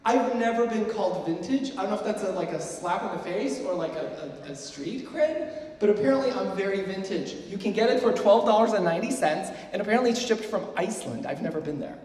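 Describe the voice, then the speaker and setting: A Swedish man in his forties presents a workshop to music students in a lecture hall, chatty and self-deprecating with plenty of fillers, like a casual lecture. His voice is high-pitched, animated, a little fast and slightly mellow. The recording sounds roomy, with the mic far off.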